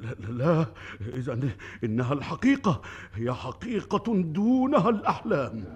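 A man playing an emotional king in a classical Arabic drama, speaking in a grand, halting, theatrical manner with repeated words. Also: on the high side, very animated, breathy edge. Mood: shaken, wondering. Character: emotional king freed from a sorceress's spell.

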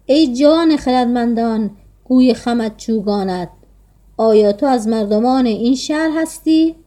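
A woman voicing a flattering, scheming old go-between in a read-aloud tale, coaxing and sweet-talking. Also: fairly high pitch, close to an everyday voice.

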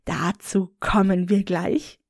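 A cruel whip-wielding woman, as a female reader puts her on. She speaks low and slow with quiet menace. The sound is dry, with no room around it. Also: fairly even intonation, no echo. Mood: menacing.

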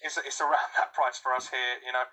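A young British man chatting casually as a podcast guest, enthusiastic and quick to agree. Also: mid-range voice, flat delivery, pushed and bright, rough recording. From United Kingdom. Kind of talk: casual chat.

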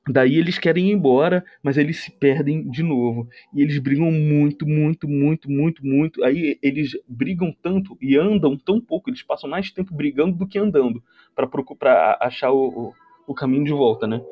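At a moderate pace with hardly any pauses, a livestream host with a fairly high voice and a Brazilian accent runs through a comedic movie recap. He rambles, leans on slang and mocks the characters sarcastically, and the audio has its highs cut off.

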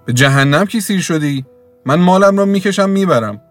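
A man's voice: high-pitched, animated, no room sound, pitched above the performer's own voice. A man voicing a greedy, bullying male village creditor who talks in scornful threats, with faint music behind. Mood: angry.

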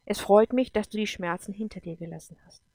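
Woman reading a wise guardian spirit, female, calm and consoling, dry close sound. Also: medium pitch, a little fast, no echo, close to an everyday voice. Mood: gentle solemn.

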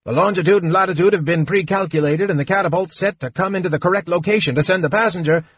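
A man voicing a fussy, excitable male gnome official who chatters fast, explaining everything eagerly. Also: on the high side, slightly rough, no echo, highs cut off, pitched above the performer's own voice, heavily acted.

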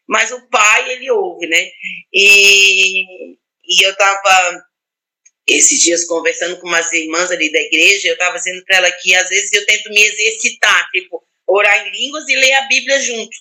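A middle-aged woman pastor, speaking, talks about prayer in a reflective, personal way, often pausing with "né" and restarting her sentences. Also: medium pitch, bright, forceful tone, poor audio. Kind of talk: casual teaching talk on prayer.

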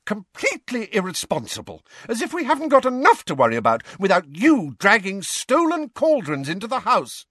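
A man voicing an indignant, scolding middle-aged mother in an audiobook, shrill and outraged. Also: wildly swooping pitch, normal speed, few pauses, a bit bright, no echo, studio quality, exaggerated voice. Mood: furious.

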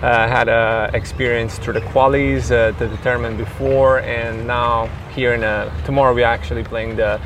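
A man's voice: medium pitch, level tone, normal speed, few pauses, noisy background. A man from Croatia with a Croatian accent, a tennis coach talking in a casual interview in a thoughtful, rambling way with many fillers.

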